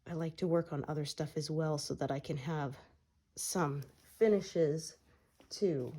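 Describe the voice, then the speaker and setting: Getting over a cold, a middle-aged woman sounds slightly congested as she chats casually while stitching for her cross-stitch vlog. Her low voice is husky and a little slow, and her talk meanders with plenty of filler "uh"s.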